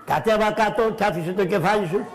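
A man playing a cheeky, loud puppet-show trickster. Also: sits high. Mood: coaxing. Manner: loud, bantering, teasing, addresses children in audience. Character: cheeky scheming poor man, swing-ride hawker. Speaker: shadow puppeteer. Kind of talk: live Greek shadow-puppet theatre. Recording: live show with audience noise. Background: audience of children.

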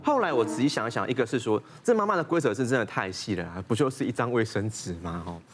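A man's voice: mid-range voice, expressive, quick pace, over music. A man, a doctor on a talk show, giving step-by-step parenting advice with case stories. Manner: gives numbered advice with case stories, laughs often. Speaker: doctor guest.

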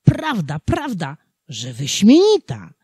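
A simple old peasant from a folk tale, past sixty, grows merry on drink and wonders aloud in high-pitched bursts, as the narrator puts him on. His breathy voice drags slowly and sits close and dry to the mic. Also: wildly swooping pitch, mellow, no echo, heavily acted. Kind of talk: audiobook folk tale reading.

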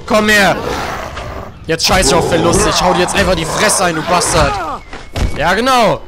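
A man's voice: sits high, normal speed, very noisy. A young man commenting on a video game he is playing, crude and jokey, trash-talking the characters on screen. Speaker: let's play gamer.

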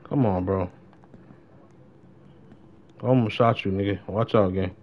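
A young American man with a lowish voice speaks a little slowly and fairly evenly as he livestreams a roleplay game. His talk is casual and full of slang, with short phrases repeated, and his stream mic sounds dull and noisy.

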